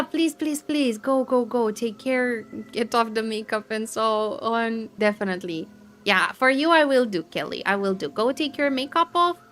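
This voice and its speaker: A woman's voice: on the high side, fairly bright tone, slight background noise. A woman live streamer doing tarot readings, chatting casually and giggling as she greets her viewers. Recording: background music under the voice.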